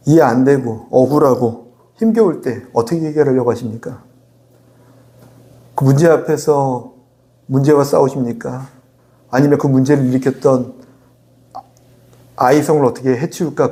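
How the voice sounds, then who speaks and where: A male pastor delivering a sermon, lively and chatty, acting out quotes and laughing at his own asides. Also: medium pitch. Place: church sanctuary.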